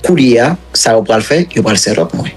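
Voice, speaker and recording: Haitian guy, husky voice, rambling on in an interview, repeats himself a lot. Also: on the low side, expressive, brisk, soft background music. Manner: rambling, repetitive, mixing languages. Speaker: interview guest. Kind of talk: recounting a personal story in an interview.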